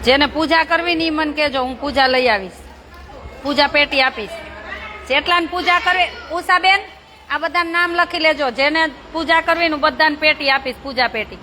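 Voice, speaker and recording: A woman's voice: sits high, normal speed, bright, forceful tone, a faint crowd. A woman who runs a charity for slum children. She talks casually with the kids, teasing, coaxing and scolding them in a playful but bossy way. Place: among a group of children. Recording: noisy crowded outdoor ambience.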